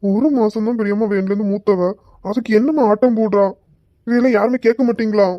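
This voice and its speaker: A woman's voice: medium pitch, fairly even intonation, brisk, no echo, natural voice. Woman doing a whiny cheeky young guy in a comedy skit, dull dry lo-fi sound. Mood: complaining. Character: cheeky young man, cocky with his elder cousin. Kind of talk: comedy sketch acting.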